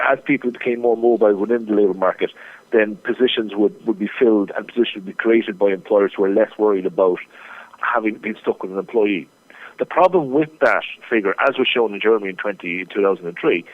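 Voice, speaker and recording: A man on a tinny, narrow phone line answers interview questions at a brisk clip. His voice sits fairly low, and he often restarts and repeats words mid-thought. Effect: over the phone. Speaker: market strategist guest.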